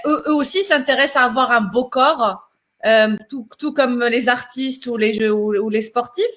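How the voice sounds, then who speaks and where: A woman's voice: a little high, normal speed, a bit bright. A woman hosting a live interview, asking polite, formal questions. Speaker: host.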